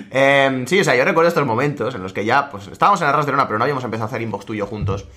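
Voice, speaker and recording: This is a young man chatting as a podcast co-host. His voice is bright and forceful, with a pitch that swings widely. He talks fast and laughs a lot between his stories. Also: very animated. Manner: laughs often, quick chatty storytelling. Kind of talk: casual chat.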